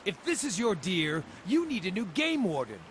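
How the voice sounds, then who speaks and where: A man's voice: high voice, sing-song, moderate pace, slight background noise. An actor voicing a cheerful, wry wandering male druid in a fantasy video game. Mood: wry friendly.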